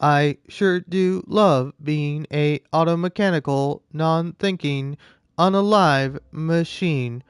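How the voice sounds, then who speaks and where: A man voicing a sarcastic, self-mocking male robot in a slow, flat monotone while commenting on a game. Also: a little high, clean tone, no echo, studio quality. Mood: deadpan. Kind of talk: gameplay commentary.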